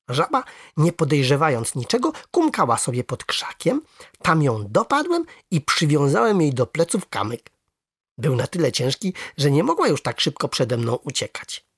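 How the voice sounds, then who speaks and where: A storyteller reading a first-person children's story aloud with lively, expressive narration. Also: mid-range voice, husky, dry recording, studio quality.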